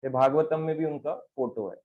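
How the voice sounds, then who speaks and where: Male spiritual teacher, slightly high voice, patient explanatory delivery that asks and answers itself, stand mic, dull recording. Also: moderate pace. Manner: explanatory, asks and answers his own questions. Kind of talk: devotional talk on scripture.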